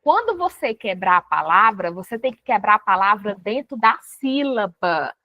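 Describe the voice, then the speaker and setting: A woman's voice: mid-range voice, big pitch swings, normal speed, no room sound, lo-fi sound. A Brazilian woman teaching a recorded writing lesson, explaining step by step and checking often that students follow. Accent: Brazilian Portuguese.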